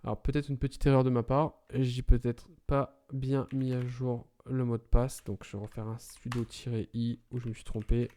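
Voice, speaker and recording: Mellow-voiced man explaining commands. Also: medium pitch, little pitch movement, normal speed, few pauses, slight background noise. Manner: talks through commands step by step, with self-corrections. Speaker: tutorial presenter. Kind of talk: screen-recorded IT tutorial.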